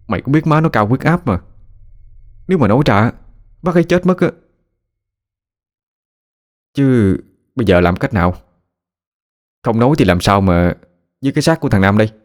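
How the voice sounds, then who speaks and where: A man's voice: fairly low pitch, darkish tone, close to an everyday voice. A man voicing an anxious young man grieving a drowned friend, in a shaky, pleading voice.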